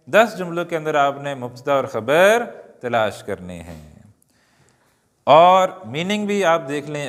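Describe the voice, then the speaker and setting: A man teaching an Arabic lesson, reading words slowly and adding joking asides to his students. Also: fairly high pitch. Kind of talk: classroom-style lesson. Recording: long hall reverb.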